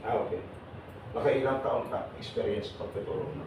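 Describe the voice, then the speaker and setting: A man leading a seminar for overseas workers, teasing and questioning the audience in a lively way. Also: lowish voice, moderate pace. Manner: teasing, jokey, calls on audience members. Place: large hall with audience. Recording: echoey hall, voice from far off, noisy.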